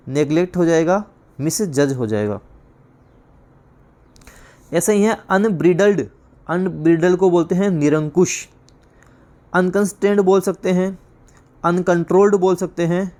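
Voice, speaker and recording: A male teacher giving an exam-prep class lecture, explaining slowly and repeating words to spell them out. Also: a little high, warm tone.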